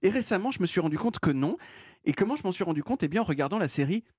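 A man's voice: high voice, big pitch swings, racing, a little mellow, breathy edge, no echo. A man giving a playful, self-mocking radio segment into a studio mic, explaining things. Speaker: radio columnist.

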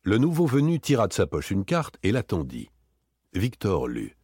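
Man, audiobook narration, husky, animated pitch, theatrical. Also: normal speed, no echo, studio quality. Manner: expressive, theatrical. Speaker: audiobook reader.

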